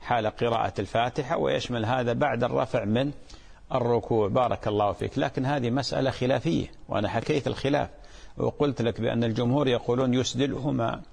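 Gravelly-voiced man, a sheikh answering questions. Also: mid-range voice, fast, big-room sound. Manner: calm, explanatory, repeats points and asks "clear?". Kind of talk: religious Q&A call-in program.

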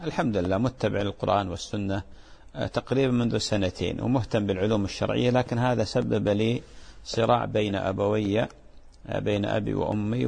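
On a religious advice program, a gravelly, lowish-voiced male host responds to viewer questions in a gentle, fatherly manner and blesses often.

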